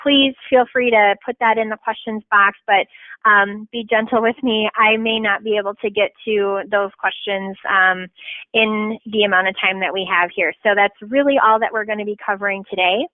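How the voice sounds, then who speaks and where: Brief: woman attorney hosting a webinar, chatty and quick, tinny phone-like line, dry sound. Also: medium pitch, fairly even intonation, no room sound. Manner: chatty, quick, self-deprecating, frequent ums. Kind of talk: webinar presentation.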